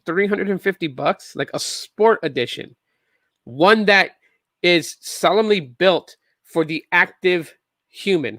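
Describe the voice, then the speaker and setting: A man's voice: a little high, a bit bright, no room sound. A man in his thirties hosting a solo tech podcast, talking casually and rambling with sarcastic asides and lots of restarts. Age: 30s.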